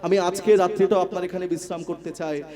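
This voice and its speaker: A man's voice: sits high, steady tone, fast, crowd noise, lightly acted. A man voicing a pious, restless brahmin scholar who pleads fervently and stammers when startled. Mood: polite.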